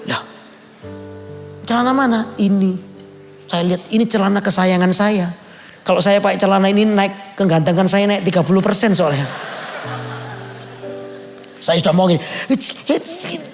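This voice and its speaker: A man's voice: high-pitched, steady tone, normal speed, pauses often, long reverb tail, faint music behind. A man, preaching a sermon full of joking stories and acted-out dialogue to his congregation. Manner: playful, teasing the congregation, acts out dialogue. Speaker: pastor. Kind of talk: sermon with humorous storytelling. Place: large church service.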